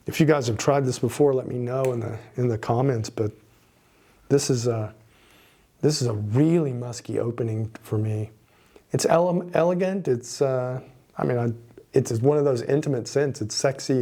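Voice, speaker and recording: A man's voice: mid-range voice, dark tone. A man reviewing fragrances in a casual, rambling way, often restarting his sentences and cursing under his breath at small mishaps.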